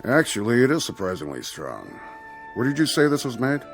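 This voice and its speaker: An actor playing Death as a polite, fussy, punctual gentleman with a formal, prim manner in a radio drama. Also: mid-range voice, huge pitch swings, brisk, creaky. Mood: intrigued. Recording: music under the dialogue.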